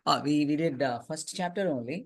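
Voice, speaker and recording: A man's voice: fairly high pitch, fast talker. A man with a Telugu Indian accent, a native Telugu speaker, leading an interactive religious class and often checking in with short questions. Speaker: scripture class teacher.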